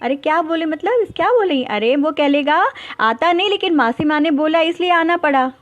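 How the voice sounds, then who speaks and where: A woman voicing a fiery, hot-tempered young woman student, ranting in quick scolding bursts. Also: high-pitched, lively intonation, voice pushed up. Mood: exasperated. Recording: dull lo-fi dry recording.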